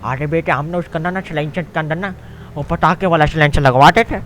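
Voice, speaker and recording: A man voicing a boastful, teasing old uncle who calls everyone his son and reminisces loudly in game role-play. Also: on the high side, brisk, slight background noise, natural voice. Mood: nostalgic.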